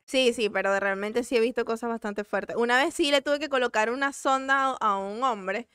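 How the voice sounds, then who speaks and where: A woman on a podcast panel telling things casually in halting, pieced-together phrases. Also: fairly high pitch, a bit bright, smooth, no room sound, studio quality. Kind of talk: casual personal storytelling.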